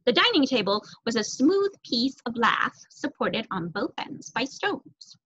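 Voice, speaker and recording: A young woman reading a children's story aloud, expressive and with varied emphasis. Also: on the high side, measured pace, breathy edge. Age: young adult. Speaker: reader. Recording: dull lo-fi recording.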